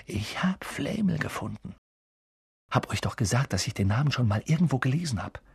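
A man voices a kind young boy in a storybook, earnest and often hushed. His voice sits near the reader's own, slightly husky. The sound is dry and close. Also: medium pitch, very animated, brisk, no room sound, exaggerated voice. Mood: eager.

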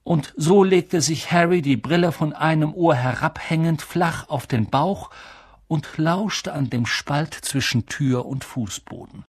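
An audiobook narrator reading a story in a measured, expressive way. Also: medium pitch, husky, no room sound, studio quality. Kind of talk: scripted narration.

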